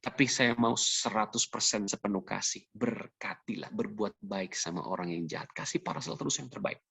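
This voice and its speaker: A man's voice: on the low side, normal speed, creaky, bright, forceful tone, slightly rough, no room sound. A middle-aged male pastor from Indonesia preaching a sermon over a video call, earnest and conversational, with frequent asides to the congregation. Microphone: computer or video call mic. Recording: dull lo-fi video call audio.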